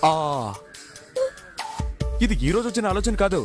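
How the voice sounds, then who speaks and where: An actor playing a cheeky young con man in jail, teasing and quick with retorts in dubbed film dialogue. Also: sits high, over music. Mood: mocking.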